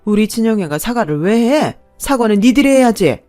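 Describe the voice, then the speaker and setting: A woman's voice: medium pitch, moderate pace, a little mellow, faint music behind, lightly acted. Woman doing a firm wealthy older lady. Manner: firm, cool, authoritative. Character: commanding wealthy middle-aged woman executive.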